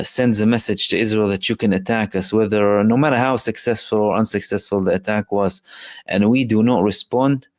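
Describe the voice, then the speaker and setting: Emphatic low-voiced male live host. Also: a little mellow, no echo, clean studio sound. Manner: emphatic and impassioned, with frequent fillers. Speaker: livestream host reading viewer messages. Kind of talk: live commentary and viewer chat.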